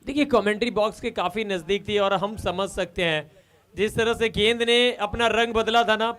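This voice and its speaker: A man's voice: high-pitched, moderate pace, a bit bright. A man giving live cricket analysis as co-commentator in a conversational, explanatory way. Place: commentary box at a cricket ground.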